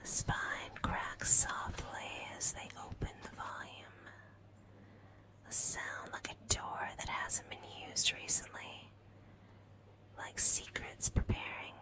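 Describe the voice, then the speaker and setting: A woman narrating a scripted story as ASMR in a breathy whisper, with measured phrasing and pauses.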